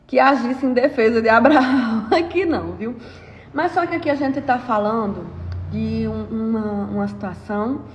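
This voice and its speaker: A woman with a Brazilian Portuguese accent giving a devotional Bible reflection, telling the story with feeling and acting out the dialogue. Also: medium pitch. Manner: emotive storytelling, acts out dialogue. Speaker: lent diary speaker. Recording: reverberant, muffled audio.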